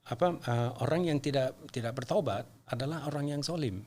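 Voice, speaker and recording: Foreigner speaking halting Indonesian, middle-aged man. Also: mid-range voice, darkish tone, a little hiss or hum. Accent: foreign-accented Indonesian. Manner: halting non-native Indonesian with repeated words and unusual phrasing. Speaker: interview guest. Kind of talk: casual earnest conversation.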